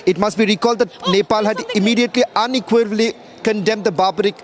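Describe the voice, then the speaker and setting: A man presenting live news updates in a measured briefing tone, with frequent filler sounds. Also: sits high, steady tone. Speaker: news anchor.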